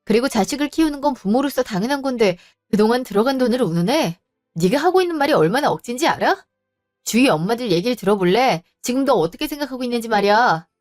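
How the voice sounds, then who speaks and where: A woman's voice: a little high, lively intonation, fast talker, no echo, clean studio sound, soft background music, lightly acted. A woman voicing a firm, betrayed wife and mother who scolds her husband sharply. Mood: scolding. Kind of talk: storybook voice acting.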